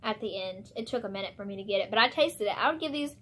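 A woman's voice: medium pitch, expressive, fast, fairly bright tone. A young woman taste-testing candy in a casual vlog, bubbly, exclaiming and laughing often. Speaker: vlogger.

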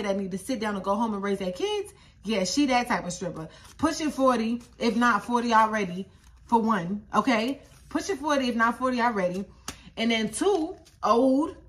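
A young woman, telling a story in a casual vlog, animated and repeating phrases in incredulous high-pitched bursts. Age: young adult. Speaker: vlogger.

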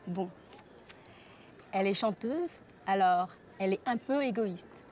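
A young woman speaks slowly in a mid-range voice as a student in a scripted drama, light and teasing. The sound is faintly noisy, like an outdoor café terrace. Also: medium pitch, lively intonation, darkish tone. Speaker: student in a language-course drama.

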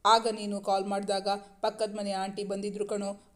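A woman voicing a warm, concerned middle-aged mother who talks in a homely way. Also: medium pitch, monotone, moderate pace, natural voice.

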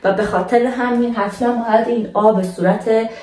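A young woman teaching a language lesson in a patient, casual way, slowing down to model words for her viewers. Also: a little high, steady tone, warm tone, echoey room, far from the mic.

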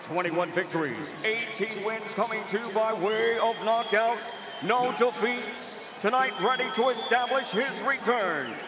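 A male ring announcer delivers fight introductions with lucha libre showmanship, booming and drawing names out into long shouts. His high voice echoes through a packed arena. A huge crowd roars all around him. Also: unhurried, music in the background. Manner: theatrical, booming, stretches words out. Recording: loud crowd roar in big arena, echoey.

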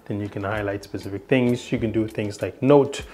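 In a small room, a young man who isn't a native English speaker gives a casual product demo as a tech reviewer, wandering through the features with many fillers and false starts. He speaks at normal speed in a fairly low, dark voice with fairly even intonation, over a slight hiss or hum.

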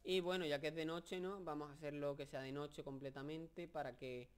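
A man's voice: on the high side, normal speed, clean tone. Joking young Spaniard narrating his gameplay. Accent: Spain Spanish. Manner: joking, rambling, excitable with many fillers. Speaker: gameplay commentator. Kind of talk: casual video game commentary.

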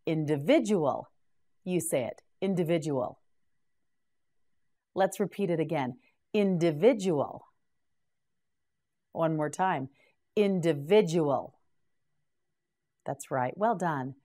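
Slow, lively-toned woman teaching English words. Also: low-pitched. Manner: patient, encouraging, prompts learner to repeat. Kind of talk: slow drilled word repetition.

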